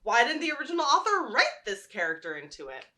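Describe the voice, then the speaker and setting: A vlogger who also writes fan fiction chats casually with her viewers, telling stories in an enthusiastic, rambling way. Her fairly high voice swoops wildly in pitch, and she speaks fast with a pushed, bright quality.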